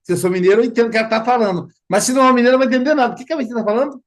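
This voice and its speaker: A man's voice: extremely high pitch, very fast. A man hosting a study group, explaining in a casual teaching talk and livening it up with playful imitations. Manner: animated storytelling with playful imitations.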